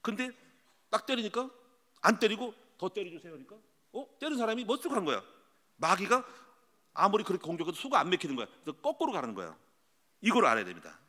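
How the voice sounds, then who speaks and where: A middle-aged male pastor preaching a sermon, telling stories with lively energy and acting out the voices he quotes. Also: high-pitched, fast talker, pauses often. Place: church sanctuary. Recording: long hall reverb.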